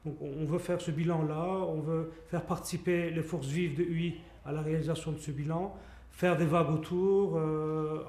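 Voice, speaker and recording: A man explaining a project in an interview, measured, posing and answering his own questions. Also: on the high side, mellow. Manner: measured, poses rhetorical questions. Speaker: project spokesman. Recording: echoey room.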